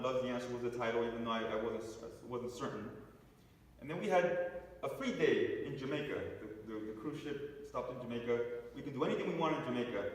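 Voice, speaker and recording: A man giving a talk to a congregation, telling a story with restarts and asides to the audience. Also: medium pitch. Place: church hall. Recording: echoey hall, picked up from a distance.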